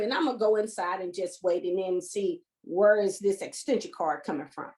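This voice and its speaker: A woman's voice: mid-range voice, darkish tone, low-quality recording. A woman who works at a transit substation, telling a personal story at a virtual event. She acts out her own past words in the story and laughs now and then as she tells it. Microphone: video call.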